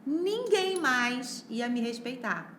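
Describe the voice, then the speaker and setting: Lively, bright woman telling stories. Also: sits high, slow, reverberant, slight background noise. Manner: animated, acts out other people's voices in her stories. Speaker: guest architect. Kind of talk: casual storytelling on a podcast.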